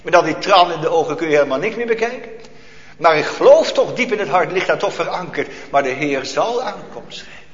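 A man preaching a sermon with fervor, swinging between loud outbursts and hushed passages. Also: fairly high pitch, lively intonation, brisk. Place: church. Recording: echoey church hall, dull lo-fi.

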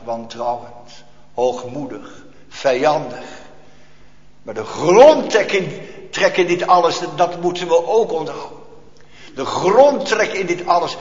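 A man preaching a fervent sermon in a somewhat high voice, his delivery swinging between loud outbursts and hushed, near-whispered passages. The recording is dull and lo-fi, and a long reverb rings through the church. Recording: echoey church hall, dull lo-fi.

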